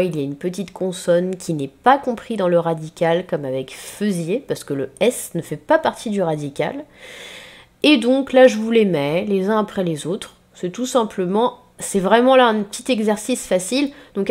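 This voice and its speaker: A woman teacher records a remote lesson, walking young pupils through the corrections one by one. She explains patiently and puts a lift on the words that matter. Her voice sits at an ordinary middle pitch. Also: darkish tone. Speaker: primary school teacher.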